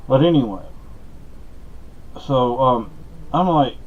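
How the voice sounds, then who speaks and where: Taking it slowly but sounding animated, a middle-aged man with a mid-range voice rambles casually through personal updates as a podcast host. The monologue is conversational and packed with asides and anecdotes from his life, recorded in dull lo-fi audio.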